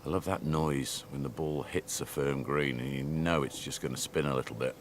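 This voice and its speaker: A man's voice: a bass voice, fairly even intonation, normal speed, slight background noise. A man giving live golf commentary in a conversational, observational way.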